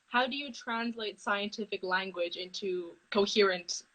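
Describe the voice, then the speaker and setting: A teenage girl hosting an interview over a video call, eager and gushing, quick to react to her guest. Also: mid-range voice, pushed and bright, rough recording. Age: teens. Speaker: host, interviewer.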